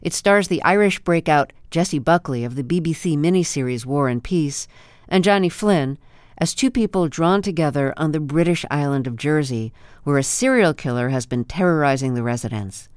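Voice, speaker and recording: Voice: medium pitch, moderate pace, smooth, dry recording, clean studio sound. A radio host reading a scripted introduction to a review.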